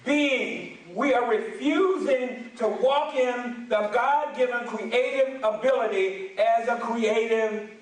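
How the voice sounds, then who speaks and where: A male preacher delivers a booming motivational sermon in an extremely high, straining register. He hammers phrases by repeating them for listeners to echo. The sound is heavily reverberant and picked up at a distance. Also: takes it slowly, hardly any pauses. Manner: shouts emphatically, repeats phrases for the congregation to echo. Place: large echoing room with responding congregation. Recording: very echoey hall, distant mic.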